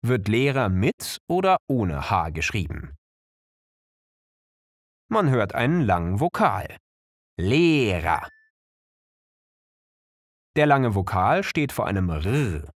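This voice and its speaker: Slow, lively male lesson narrator. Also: dry recording, studio quality. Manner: slow, clear explanations with lively pitch. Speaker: narrator of an educational video. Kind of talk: scripted narration for children.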